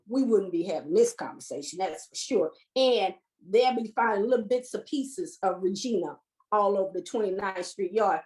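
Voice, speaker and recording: A woman tells a true story from her work at a substation, speaking to an online audience over a video call. She is animated and laughs between lines, and she acts out what she said at the time. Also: mid-range voice, rough recording. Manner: animated storytelling, laughing at times, acting out her own past words. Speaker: transit substation worker. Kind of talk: personal story at a virtual event.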